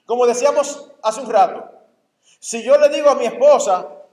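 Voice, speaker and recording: A pastor preaching at a church conference, speaking in a conversational way and acting out little dialogues. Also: male voice, very high voice, moderate pace, a little mellow. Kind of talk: conference sermon. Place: church sanctuary. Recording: echoey church hall.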